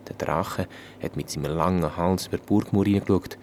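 A man with a Swiss German accent telling a fairy tale in a calm, even manner. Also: low-pitched, fairly quick, a little hiss or hum. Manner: calm, even storytelling in dialect. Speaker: storyteller.

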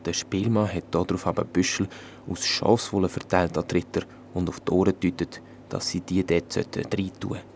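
A man with a Swiss German accent telling a fairy tale in a calm, even manner. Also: low voice, moderate pace, a little hiss or hum. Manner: calm, even storytelling in dialect. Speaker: storyteller.

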